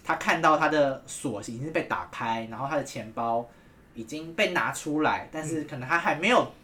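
A man, retelling a locker-room story in casual chat. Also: on the high side. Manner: fast, animated retelling with laughter. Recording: faint background noise.

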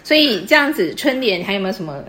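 A woman's voice: medium pitch, big pitch swings, fast talker, a bit bright, a little hiss or hum. A woman, patiently explaining customs to a guest in casual chat and quizzing her as she goes. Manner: patient, teacherly, quizzes the listener. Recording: echoey room.

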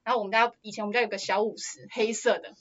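A young woman with a Taiwanese Mandarin accent, co-hosting a casual podcast, telling an animated story and acting out quotes with frequent laughter. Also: mid-range voice, very fast. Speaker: podcast co-host. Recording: dull lo-fi audio.

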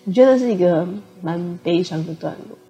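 A woman co-hosting a book podcast, gently chiming in and carrying the story on. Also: lowish voice, a little fast, lo-fi sound, faint music behind. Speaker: podcast co-host.

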